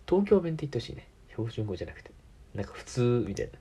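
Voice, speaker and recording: With a mid-range voice that's mellow yet slightly rough, this man talks very animatedly at a quick pace. He's a podcast host from Tokyo with a Tokyo Japanese accent, doing a casual solo talk. He rambles, corrects himself and laughs often.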